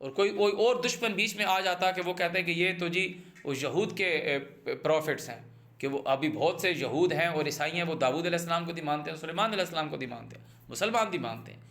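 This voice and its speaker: A man's voice: fairly high pitch, a bit bright. A man teaching the Quran, reciting each Arabic verse and then explaining it, often repeating his phrases and speeding up as he gives examples. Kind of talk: verse-by-verse Quran translation and commentary.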